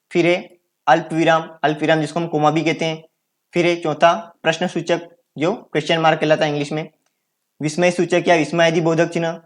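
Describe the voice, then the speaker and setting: A man teaching a grammar lesson, explaining step by step and answering his own questions. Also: fairly high pitch.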